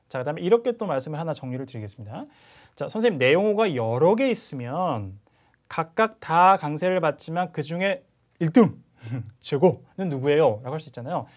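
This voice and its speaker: A male English instructor gives a chatty video lecture on listening and word stress, often checking in with learners using "자" and "그죠?" and sometimes reading sentences in an exaggerated way to demonstrate stress. His voice is on the high side with a darkish tone.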